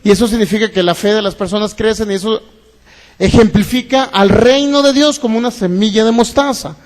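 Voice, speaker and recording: A man's voice: high voice, brisk. A man preaching a sermon as pastor, reading scripture and asking the congregation rhetorical questions. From Mexico. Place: church hall. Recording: long hall reverb.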